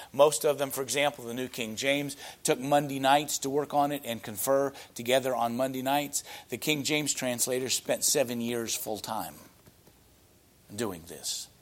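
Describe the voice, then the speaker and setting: Middle-aged guy preaching, punchy, keeps answering objections, gets loud on the big points. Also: medium pitch. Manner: emphatic, rising to loud peaks on key points; rhetorical, answers imagined objections. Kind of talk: sermon.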